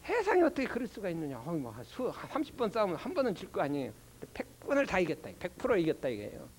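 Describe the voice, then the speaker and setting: An older man, a Won Buddhist minister, giving a doctrine lecture with animated storytelling and rhetorical questions. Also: sits high, a little hiss or hum. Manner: slow chanting recitation of prayer.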